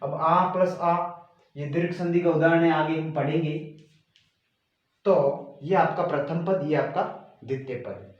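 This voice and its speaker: A male teacher giving a grammar lesson, slowly repeating and stressing key words. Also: a little high, steady tone, muffled recording. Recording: very echoey room.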